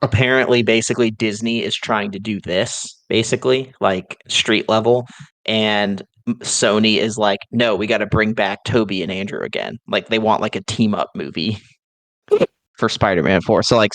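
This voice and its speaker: Podcast co-host, male, gravelly lower register, dry recording, eager fan-style movie pitch in casual talk. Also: moderate pace, fairly bright tone, dry recording.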